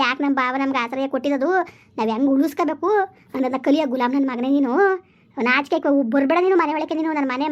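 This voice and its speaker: A woman playing a shrill furious village mother. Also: lightly acted. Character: furious village mother scolding her grown son. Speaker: actor in a village comedy drama series. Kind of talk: rural comedy drama acting. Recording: dull lo-fi recording.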